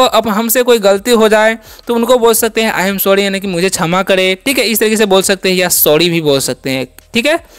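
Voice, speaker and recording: A patient English teacher who spells out short words letter by letter. Each point is repeated, and the teacher asks a question and answers it right away. The voice is smooth and clear, in the middle of the pitch range. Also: a bit bright. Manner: repeats each word for drilling. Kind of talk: step-by-step spelling and pronunciation lesson.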